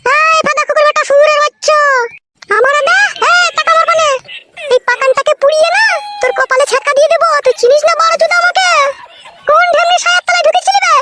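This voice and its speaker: A man doing a shrill, screeching village mother-in-law. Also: animated, fast talker, background noise. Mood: scolding. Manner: screeching, abusive, shouting insults. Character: loud foul-mouthed twice-married mother-in-law. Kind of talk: cartoon voice acting.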